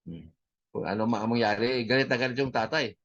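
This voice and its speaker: A man's voice: medium pitch, expressive, fairly bright tone, dull audio. Filipino man teaching a church class. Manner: unhurried teaching with many fillers, mixing English phrases into Tagalog. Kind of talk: church history lesson.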